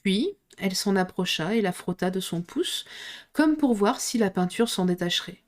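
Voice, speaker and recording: A woman reading a classic storybook aloud in a steady, clear storytelling manner. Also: medium pitch, moderate pace. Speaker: reader.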